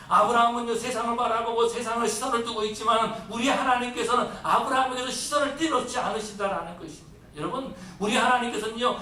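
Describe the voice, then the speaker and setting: A pastor preaching with a high, bright, emphatic voice and putting questions to his congregation. He is heard from a distant mic in an echoey church hall, with a faint rumble underneath. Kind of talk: sermon.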